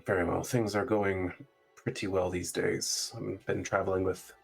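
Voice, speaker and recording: A man voicing a polite adventurer who talks in a measured, courteous way. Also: deep voice, flat delivery, creaky, husky, faint music behind, exaggerated voice. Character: calm, polite adventurer traveling with a crew.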